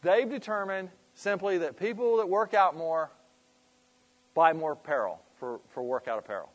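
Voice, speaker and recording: A man with a slightly raised pitch gives an informal business presentation to a live group. He talks conversationally, throws questions out to the audience and often trails off and restarts mid-sentence. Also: normal speed. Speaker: presenter at a fitness club industry meeting.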